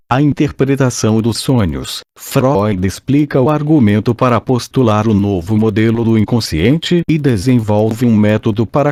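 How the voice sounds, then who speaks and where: A man's voice: on the low side, warm tone, dry recording. Synthesized male narrator, dry sound. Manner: formal, measured read-aloud delivery. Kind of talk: scripted educational narration.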